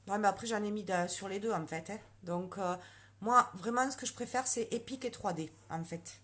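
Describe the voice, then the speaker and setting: A woman's voice: medium pitch, moderate pace, fairly bright tone. A woman with a southwestern French accent, chatting casually on a makeup live stream and answering viewer comments. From Lot, southwestern France.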